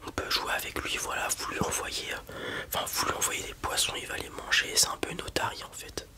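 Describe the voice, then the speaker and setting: A man in an ASMR roleplay, whispering breathily as he casually and hesitantly explains things in the role of a breeder. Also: a little fast.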